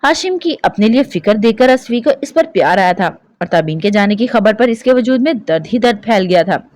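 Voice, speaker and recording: A woman narrating a romance novel in an expressive, emotive reading style. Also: medium pitch, a little fast, dry recording.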